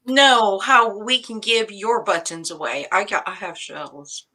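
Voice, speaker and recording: A woman's voice: mid-range voice, measured pace, sharp tone, rough recording. A woman co-hosting a casual sewing livestream, asking chatty questions from a little away from the mic. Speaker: livestream co-host.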